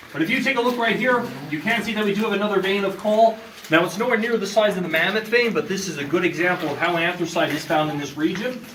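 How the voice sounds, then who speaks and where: A man's voice: high voice, fairly bright tone. A man giving an explanatory, instructive guided tour commentary as a tour guide inside an underground mine tunnel. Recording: echoey, distant, noisy tunnel recording.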